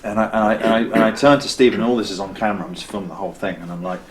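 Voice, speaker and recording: British man telling a wild story, lowish voice. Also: level tone, very fast, a crowd in the background, rough recording. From Britain. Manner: vivid, acts out quotes, frequent restarts. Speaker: filmmaker interviewed as guest. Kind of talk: animated storytelling in conversation. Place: costume shop.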